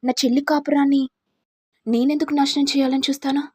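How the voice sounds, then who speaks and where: A woman's voice: high-pitched, little pitch movement, brisk, darkish tone, no echo, voice pushed up, lightly acted. A woman voicing an accused young wife who protests her innocence and begs not to be thrown out. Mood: desperate protesting. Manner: pleading, protesting.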